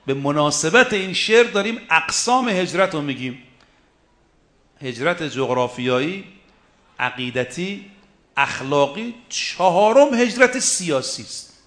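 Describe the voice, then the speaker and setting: A man preaching a religious sermon, driving his points home in short rhythmic lists and slowly intoning Arabic verses. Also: a little high, a bit bright.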